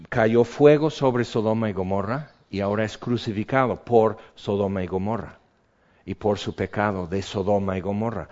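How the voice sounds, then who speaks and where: A man preaching a sermon, dropping to a hush and then rising, acting out the voices he quotes. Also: on the high side, muffled recording. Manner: shifts between hushed and raised, acts out quoted voices.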